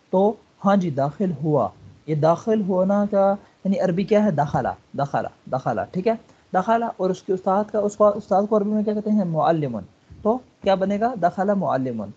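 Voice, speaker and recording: A man tutoring a student online, patiently walking through each step and checking in again and again. His voice is mellow and a little husky, and the lesson audio sounds dull and lo-fi. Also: high-pitched. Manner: coaxing, repeats words and checks understanding. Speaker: online Arabic teacher.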